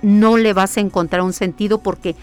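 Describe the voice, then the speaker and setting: Woman speaking earnestly, pitch in the middle of her range, faint music in the background, conversational interview, repeats phrases and asks herself rhetorical questions. She sounds like a guest explaining a practice she leads. Her pace is steady and unhurried. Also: smooth. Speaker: guest, spiritual hiking workshop leader.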